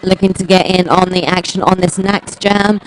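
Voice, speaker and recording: A woman's voice: fairly low pitch, fairly even intonation, moderate pace, slight background noise, rough recording. Woman announcing roller derby with a Minnesota accent. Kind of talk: play-by-play commentary.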